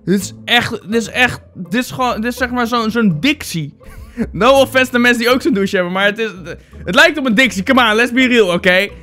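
A man with a high, sharp voice jokes his way through fan posts like a playful YouTuber. He mocks himself, swears and drops English phrases into his talk. Soft music sits faintly behind him. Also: fairly quick. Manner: bursts into loud shouts. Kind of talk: casual joking commentary.

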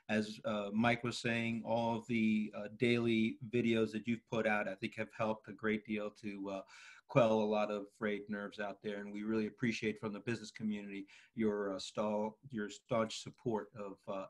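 Polite middle-aged man moderating by webcam. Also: lowish voice. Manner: polite, appreciative, hesitant fillers. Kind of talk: moderating a virtual town hall. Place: home office indoors. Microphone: video call webcam.

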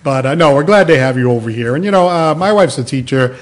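A man's voice: mid-range voice, lively intonation, fast. A man hosting a casual talk show, easygoing and jokey, chuckling between his questions.

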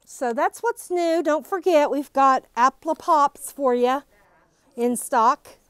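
A middle-aged woman's high-pitched, fairly bright voice carries a slow, bubbly, gushing tour of new quilt-shop stock. She speaks through a face mask to the phone camera following her, with no room sound.

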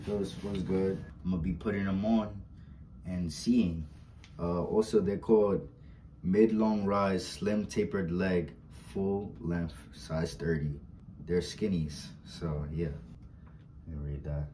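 A man's voice: deep voice, steady tone, takes it slowly, mellow, slight background noise. Chatty young man in an echoey room. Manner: chatty, slangy, repeats himself, pleads for likes. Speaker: vlogger. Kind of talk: casual unboxing vlog. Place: small bright indoor room. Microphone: fixed camera a few steps away. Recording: roomy, distant camera sound.

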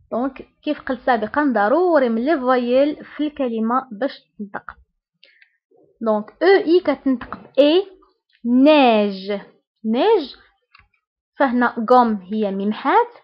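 Moroccan woman teaching french vowels, says each word twice, kinda high voice, muffled lo-fi sound. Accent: Moroccan Arabic. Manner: spells out vowel pairs and repeats example words slowly. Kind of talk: slow explanatory language lesson.

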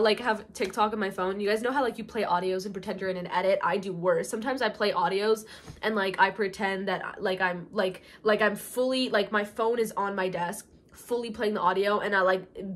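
Young female vlogger, medium pitch, gleefully gossipy and dramatic, casual slangy chat, reacts big to stories she reads aloud. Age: young adult. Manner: animated, theatrical, gleefully gossipy; slangy, heavy use of "like". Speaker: vlogger reading followers' confessions. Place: small bedroom, indoors.

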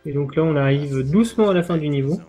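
A man explaining game mechanics in measured live speedrun commentary, pausing with fillers. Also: fairly high pitch, warm tone, soft background music.

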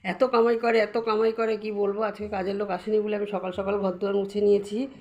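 A woman's voice: mid-range voice, level tone, a little fast, a little mellow, muffled recording. A middle-aged woman and grandmother narrating a casual home vlog, chatting straight to her viewers as she goes about her chores indoors, recorded on a handheld phone.

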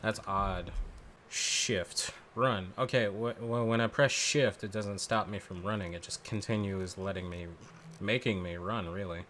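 A man's voice: on the low side, steady tone, unhurried, a bit bright, slight background noise. A man casually commenting on his game playthrough, offhand and joking, muttering to himself. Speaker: gamer.

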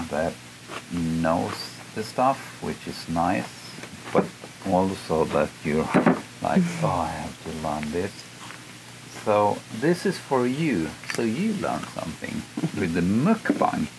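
Very low gravelly Swedish man, hesitant. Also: expressive, slow pace, noisy background. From Sweden. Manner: hesitant, many fillers. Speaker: sailing vlogger. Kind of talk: casual chat over dinner. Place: small boat cabin, indoors.

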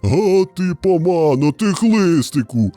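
A man's voice: on the high side, sing-song, dark tone, dry recording, soft background music. A man voicing a huge, hungry, furious bear in a children's fairy tale, roaring and dragging out his words. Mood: raging. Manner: roaring, drawn-out growling delivery. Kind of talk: storybook character voice.

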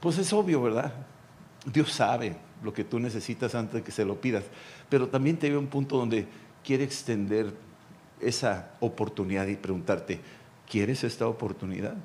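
A man with a Mexican accent, a pastor preaching a sermon, repeating phrases and dropping to quiet lines. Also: medium pitch, expressive, normal speed, slight background noise.

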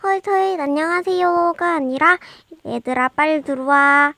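A woman's voice: high voice, fairly even intonation, moderate pace, creaky, sharp tone, dry recording. A young female host chatting casually and teasingly to viewers.

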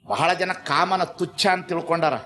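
A man giving a sermon as a spiritual teacher, dramatic and repetitive, swinging between soft and loud. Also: high-pitched, steady tone, normal speed.

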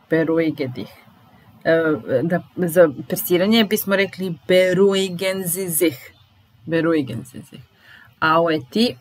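A woman teaching a language lesson, slowly repeating each phrase and then explaining it. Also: on the low side, poor audio. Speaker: German teacher.

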